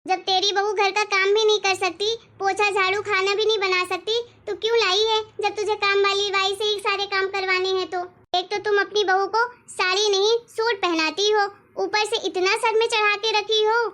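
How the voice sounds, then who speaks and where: A woman's voice: very high-pitched, flat delivery, moderate pace, few pauses, fairly bright tone. A woman voicing a meddling younger sister in a family cartoon story, taunting and complaining. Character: meddling younger sister, sharp-tongued critic.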